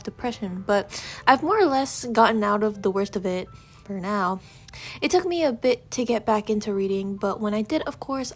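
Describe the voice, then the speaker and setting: Congested young woman reviewing books. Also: medium pitch. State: congested from allergies. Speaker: book vlogger. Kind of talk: casual book review vlog.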